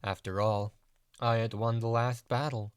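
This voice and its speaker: A man narrating a dark first-person audio story in a measured, deadpan way. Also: medium pitch, clean tone, no room sound, clean studio sound.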